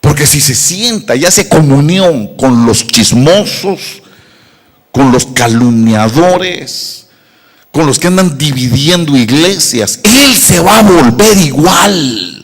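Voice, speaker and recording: A middle-aged man from Rica, preaching a sermon with emphatic repeated rhetorical questions. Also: mid-range voice. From Costa Rica. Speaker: pastor. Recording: echoey hall reverb.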